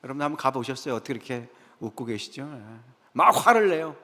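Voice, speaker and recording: A man's voice: mid-range voice, quick pace. A man preaching a sermon as senior pastor. He keeps asking the congregation rhetorical questions and answers himself with "yes". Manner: rhetorical questions, frequent "예" affirmations, lively asides to the congregation. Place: church sanctuary, Friday prayer service. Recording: echoey church hall.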